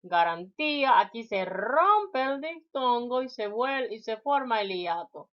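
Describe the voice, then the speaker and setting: A woman's voice: fairly high pitch, very animated, slow, highs cut off. A woman teacher giving a spelling lecture, reading out word lists and addressing her students directly.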